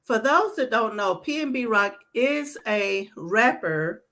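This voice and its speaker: A woman's voice: fairly high pitch, animated, takes it slowly, bright, forceful tone. A woman hosting a casual talk show, chatting loosely about the news. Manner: reads a letter aloud; loose, conversational. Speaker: podcast host. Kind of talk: casual chat.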